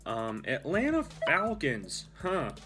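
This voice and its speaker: A man's voice: fairly high pitch, wildly swooping pitch, slow, loud music behind the voice. A young man hosting a casual solo sports talk show, rambling and correcting himself as he goes. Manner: rambling, with fillers and self-corrections. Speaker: host.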